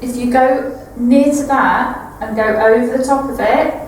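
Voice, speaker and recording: A woman's voice: a little high, steady tone, a little slow. A woman heard from some way off the mic in a very echoey stone room, with faint hiss behind her. She calls out in a coaxing manner to spirits during a ghost hunting vigil. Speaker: ghost hunting team member. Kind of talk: paranormal investigation vigil. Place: indoor old cell. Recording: echoey distant room recording.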